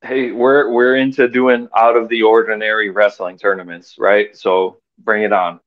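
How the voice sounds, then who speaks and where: Low-voiced man, easygoing guest. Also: flat delivery, normal speed, phone-quality sound. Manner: easygoing, plain-spoken, frequent filler "uh". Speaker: podcast guest, wrestling tournament organizer. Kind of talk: casual chat.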